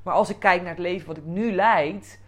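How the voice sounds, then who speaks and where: A young woman with a Dutch accent who hosts a podcast, telling a personal story in a lively way, acting out quotes and swearing now and then. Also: fairly low pitch, brisk. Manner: animated, lively quoting with bursts of swearing. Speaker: podcast host.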